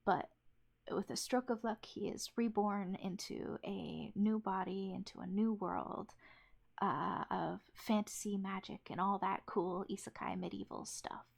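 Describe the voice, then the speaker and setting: A woman giving casual, unscripted commentary as a reviewer, rambling haltingly with lots of fillers and self-corrections. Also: medium pitch, fairly even intonation, creaky. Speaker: anime reviewer.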